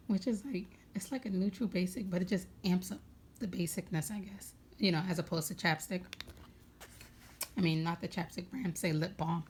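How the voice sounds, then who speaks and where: At home, a young woman who makes beauty videos digs through her makeup bag, chattering loosely and full of filler words. Her raspy voice is lowish and dark, with slight background noise behind it.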